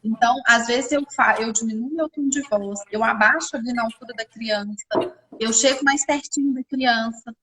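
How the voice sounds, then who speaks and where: A Brazilian woman psychologist hosting a casual conversation, explaining with lively examples. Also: fairly high pitch, moderate pace, background noise. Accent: Brazilian Portuguese. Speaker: psychologist, host.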